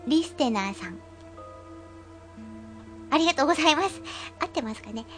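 A woman with a high, cute voice hosting an internet radio show, chatting casually and reading out listener comments with giggles and fillers. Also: animated, brisk. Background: faint background music.

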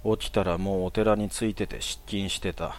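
A young man telling a personal horror story in a hushed, casual way. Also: low-pitched, fairly even intonation, normal speed.

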